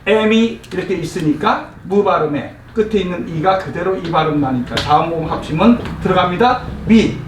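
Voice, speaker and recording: A man with a high voice teaching English to a live class, coaching the group through repeat-after-me drills and chuckling as he goes. He sounds set back from the microphone, and his voice rings through an echoey room over a faint hum of ambient noise. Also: moderate pace, few pauses, recorded from a distance. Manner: lively, coaxing, chuckles while explaining. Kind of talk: live classroom lecture with call-and-response drills.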